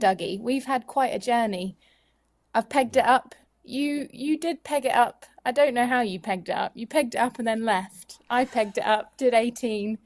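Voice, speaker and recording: A woman co-hosting a live golf tour broadcast, chatty and teasing her co-host as she runs through the standings. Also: a little high. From Europe.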